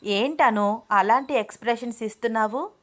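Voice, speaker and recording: A woman voicing a gentle, earnest young man in an audio story. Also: fairly high pitch, moderate pace, close to an everyday voice. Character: kind, puzzled young man, Abhiram.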